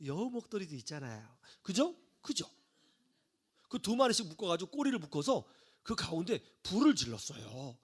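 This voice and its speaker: Male preacher, storytelling sermon, high-pitched, very animated intonation, acts out characters, talks straight to listeners. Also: moderate pace, breathy edge. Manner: acts out biblical characters' lines in varied voices, addresses listeners directly. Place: broadcast studio.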